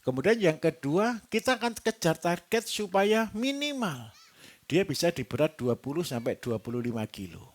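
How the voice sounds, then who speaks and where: Lively Javanese man quizzing his audience. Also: fairly high pitch, normal speed. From Java. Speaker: livestock trainer. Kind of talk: seminar talk to a live audience.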